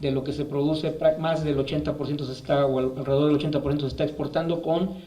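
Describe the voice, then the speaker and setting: A man giving an interview answer in a measured way, pausing on fillers. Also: on the high side, steady tone, warm tone. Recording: roomy, distant mic.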